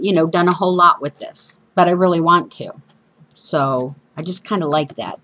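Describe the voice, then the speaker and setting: A woman with a low voice hosts a casual craft demonstration indoors at a craft table, chatting informally and mocking herself now and then. Her missing front teeth give her sibilants a whistle, and the audio quality is poor.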